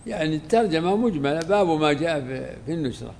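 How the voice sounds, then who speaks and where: Gravelly-voiced man explaining a religious text. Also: a little high, lively intonation, darkish tone, slight background noise. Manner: gravelly, explains slowly with halting repeats. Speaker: sheikh teaching the text.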